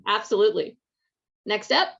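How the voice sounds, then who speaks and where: A woman's voice: mid-range voice, animated, normal speed, creaky, fairly bright tone, lo-fi sound. A woman hosting a live online community event, chatty and upbeat, with plenty of fillers. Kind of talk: casual live webinar hosting.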